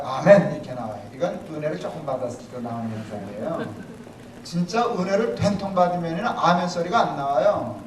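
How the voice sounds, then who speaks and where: Pastor guy telling stories in his sermon, kinda funny, echoey church hall with faint noise behind. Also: high-pitched. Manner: lively storytelling with humor. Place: church sanctuary. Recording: echoey hall, mic from a distance.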